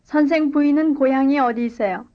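A woman reading a scripted language-lesson dialogue and drill answers in clear, careful model sentences. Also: sits high, a little fast, lo-fi sound. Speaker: language course speaker.

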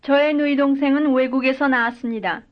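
In this language drill, a high-pitched woman with a steady tone speaks complete model sentences a little fast. She delivers each carefully and evenly, on a dull lo-fi recording.

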